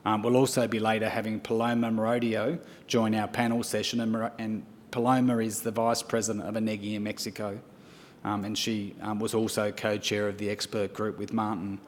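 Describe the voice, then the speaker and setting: A man chairing a conference session, measured and with frequent ums. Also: level tone. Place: conference room. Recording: hall reverb with low rumble.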